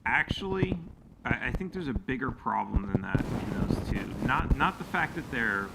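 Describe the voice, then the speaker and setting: A man's voice: mid-range voice, lively intonation, moderate pace, vocal fry, very noisy. A man talking casually in a discussion, hesitant and restarting his sentences, heard through a faulty mic that makes him sound muffled and underwater. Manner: thoughtful, hesitant, starts over often. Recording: muffled faulty mic over an online call.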